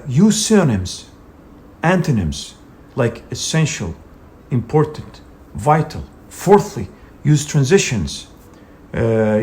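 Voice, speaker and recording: A man teaches an English speaking exam lesson for an instructional video, his medium-pitched voice carrying a darkish tone over a faint hiss or hum. He's direct and emphatic, leaning often on the filler "you know."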